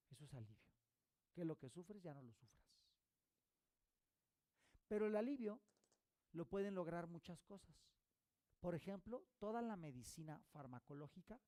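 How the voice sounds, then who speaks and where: A man teaching a recorded course lecture as a holistic therapy instructor, explaining through rhetorical questions and quick "ok?" check-ins. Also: a little high, dark tone, no echo.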